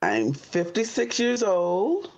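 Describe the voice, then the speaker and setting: A woman in her fifties from Florida introducing herself on a dating show, chatty, pausing often on "um" and quick to laugh. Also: mid-range voice, sing-song, a little mellow. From Florida, USA. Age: 50s. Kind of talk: casual self-introduction. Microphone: computer on a video call.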